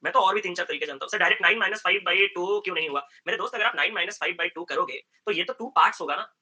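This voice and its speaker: Fast, bright-voiced male math teacher. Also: high voice. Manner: animated, acts out student dialogues, mixes English terms into Hindi. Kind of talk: live online exam-prep lesson.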